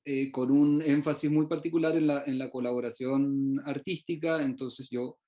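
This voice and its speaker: A man's voice: mid-range voice, steady tone, moderate pace, dark tone. Hesitant Uruguayan-born man lecturing. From Uruguay, raised in Chile. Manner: hesitant, many fillers and restarts. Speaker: researcher presenting his work. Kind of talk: online presentation.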